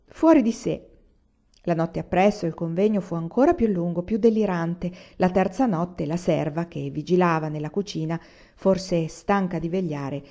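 A woman narrating a literary audiobook in a measured, expressive way, on a dull lo-fi recording. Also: fairly low pitch. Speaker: audiobook reader.

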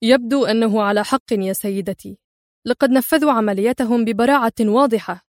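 Casting: woman playing a doubtful male inspector, dry, higher pitch, close sound. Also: brisk, no echo, natural voice. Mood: wary. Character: weary male police inspector, skeptical.

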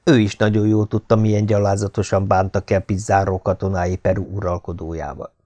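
A man narrating an audiobook in a steady, even reading voice. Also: sits low. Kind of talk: scripted narration.

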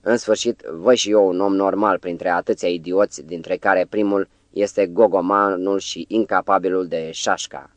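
Man voicing a furious young poet, rude and scornful, low voice, dry sound, storybook reading. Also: fairly even intonation, few pauses, no room sound, natural voice. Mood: angry.

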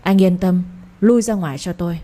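A woman's voice: on the low side, normal speed, mellow, lightly acted. A woman voicing a commanding, scolding old grandmother who rules the family, in an audio story. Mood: stern. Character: stern imperious old grandmother, family matriarch.

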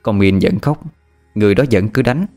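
Low-voiced man narrating a horror story. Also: normal speed, faint music behind. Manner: steady, dramatic storytelling.

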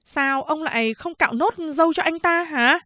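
A woman voicing a female police officer who speaks briskly and scolds. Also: high voice, pushed and bright, no echo, voice pushed up. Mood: stern.

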